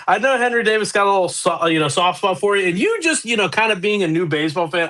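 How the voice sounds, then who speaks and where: A young man with a Pittsburgh accent co-hosts a casual sports podcast. His voice sits a little high with a bright, forward tone, and he talks loosely and laughs easily. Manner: laughs often, loose and excitable. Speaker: podcast co-host.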